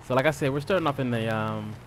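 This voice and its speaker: A man's voice: mid-range voice, quick pace, noisy background. A man streaming a driving game, talking casually to his viewers and friends with lots of fillers and slang. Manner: laid-back slangy talk with frequent fillers. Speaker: streamer and server owner. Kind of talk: casual gaming stream chat.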